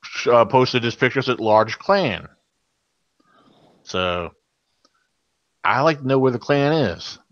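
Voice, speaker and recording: A man hosting an online panel in a casual, halting, easygoing way. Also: medium pitch, animated, a bit bright, dry recording, dull audio.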